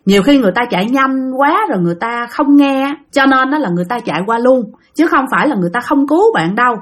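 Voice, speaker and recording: A woman with a Southern Vietnamese accent telling a spooky story dramatically, speaking straight to her listeners. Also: fairly high pitch.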